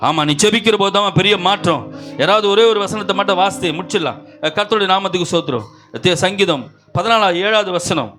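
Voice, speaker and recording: Fervent pastor with a high, bright voice. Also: male voice, a little fast, faint music behind. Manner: swings between hushed pleading and loud exhortation; repeats phrases and interjects hallelujah. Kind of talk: Pentecostal sermon. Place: church service.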